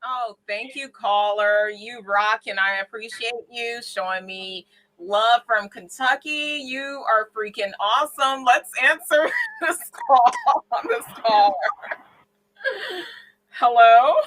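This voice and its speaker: A woman's voice: fairly high pitch, sing-song, takes it slowly, fairly bright tone, poor audio. An effusive, encouraging woman hosting a casual radio call-in show.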